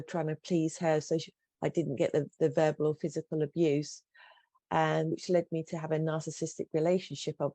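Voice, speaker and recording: A middle-aged woman, a guest coach on an interview program, shares her life story earnestly and without hurry, restarting frequently. Her low voice is mellow, and the dry recording has little room sound.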